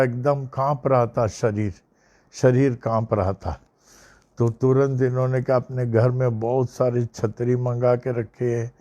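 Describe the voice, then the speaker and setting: Slow, low-toned older male guru. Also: a little mellow, highs cut off. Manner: slow, repeats phrases, mixes in English. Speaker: spiritual teacher. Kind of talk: devotional discourse with storytelling.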